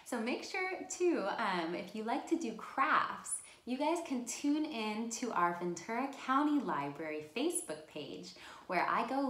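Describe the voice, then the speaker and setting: At a library, a woman hosts an interactive storytime for young children, speaking directly to them in an encouraging, sing-song way. Her voice is mid-range with a fairly bright tone, and the sound is roomy and echoing.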